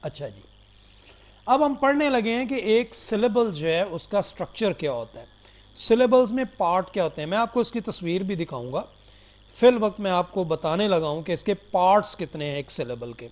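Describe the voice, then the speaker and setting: A man giving a recorded phonology lecture, slowly explaining terms, switching between Urdu and English and politely addressing his students. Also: high-pitched, very animated. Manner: addresses listeners politely as "janab" and "dear students".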